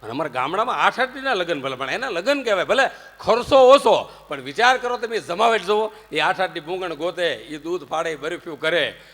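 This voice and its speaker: A man's voice: sits high, a little fast, few pauses. Gujarati man telling jokes in a hall. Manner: jokey, anecdotal, animated swings into loud punchlines. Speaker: religious storyteller. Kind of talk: humorous religious discourse. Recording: long hall reverb.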